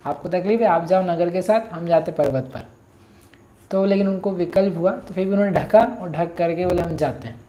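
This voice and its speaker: A woman teaching scripture, explaining a story and chanting verses in a drawn-out sing-song, often asking her listeners questions. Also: lowish voice, mellow. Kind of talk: religious discourse with chanted verses. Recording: roomy echo.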